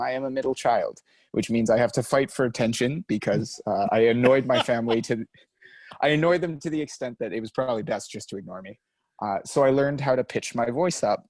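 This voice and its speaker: A man in his twenties co-hosting a podcast, chatting casually with quick self-mocking asides. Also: medium pitch, darkish tone, no echo. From Canada. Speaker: podcast co-host. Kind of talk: casual chat.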